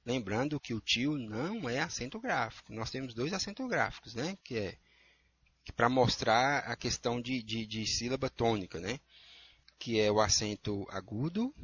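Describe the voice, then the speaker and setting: Husky Brazilian teacher going over answers. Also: male voice, medium pitch, fairly bright tone, highs cut off. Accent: Brazilian Portuguese. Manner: explanatory, checks in with frequent "tá?" and "né?".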